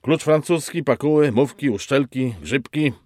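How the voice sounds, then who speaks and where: A man's voice: mid-range voice, normal speed, darkish tone, no room sound, voice pushed up, natural voice. A man voicing a wry young handyman who talks in a dry, mock-professorial way. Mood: listing.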